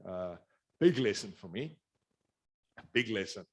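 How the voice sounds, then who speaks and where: A middle-aged man with a South African accent delivers a webinar business talk unhurriedly, his lowish voice husky, fairly bright and expressive. The presentation wanders, with many restarts and fillers.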